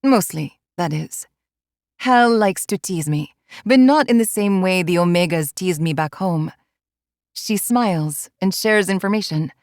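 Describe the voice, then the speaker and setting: A woman narrates a first-person audiobook with a measured, inward delivery. Her voice sits on the low side, and the recording is dry and close with no room sound. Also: darkish tone, no room sound.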